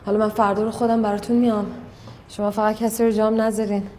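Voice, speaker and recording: A woman's voice: mid-range voice, little pitch movement, racing, mellow, natural voice. An actress playing a polite woman asking a favor, hesitant and courteous in film dialogue.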